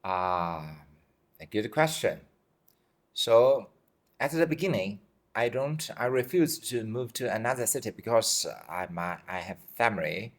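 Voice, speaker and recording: Chinese guy in his 40s, native chinese, halting english, low-ish voice, sounds worn out. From China. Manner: halting, repeats phrases, simple English. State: tired. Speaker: dentist guest. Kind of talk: interview answers in second language.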